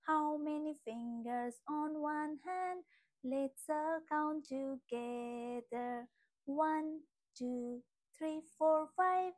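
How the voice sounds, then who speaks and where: A woman singing a simple, repetitive children's counting song in a slow sing-song manner. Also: high-pitched, a little mellow, dry recording.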